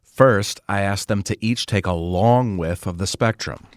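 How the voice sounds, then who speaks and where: A man's voice: on the low side, measured pace, a little hiss or hum. A man reading scripted feature narration as a reporter.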